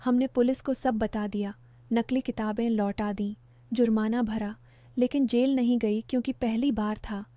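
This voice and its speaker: A woman telling a first-person story as scripted narration, in a steady, even storytelling delivery. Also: fairly high pitch, normal speed, no room sound.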